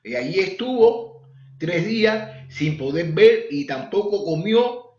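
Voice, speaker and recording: Animated man preaching in an echoey room. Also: high voice, takes it slowly, muffled recording. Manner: animated, asks the listeners questions. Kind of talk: bible study sermon.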